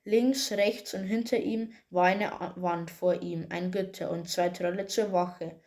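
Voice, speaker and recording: A woman reading a fairy tale aloud in a plain, steady way, with occasional small slips. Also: lowish voice, measured pace. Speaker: storyteller.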